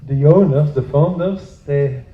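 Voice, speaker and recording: Emphatic man with a high-ish voice, echoey. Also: unhurried. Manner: emphatic, repeats key points. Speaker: expert panelist. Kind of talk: panel discussion. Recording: echoey room, dull lo-fi sound.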